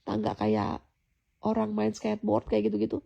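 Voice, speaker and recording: A woman's voice: mid-range voice, sing-song, moderate pace, creaky, mellow, muffled recording. A woman casually telling viewers about a dream, in a rambling way, repeating herself, with many fillers and restarts. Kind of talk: casual spoken testimony addressed to viewers.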